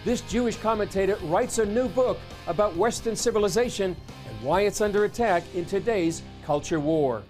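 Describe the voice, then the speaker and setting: Man, American accent, high pitch, news anchor delivery, music behind. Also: expressive, normal speed. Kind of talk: scripted broadcast introductions.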